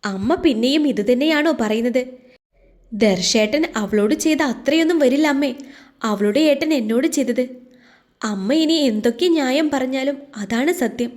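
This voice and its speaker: A woman's voice: high-pitched, lively intonation, moderate pace, darkish tone. A woman voicing an earnest young daughter who pleads firmly with her mother.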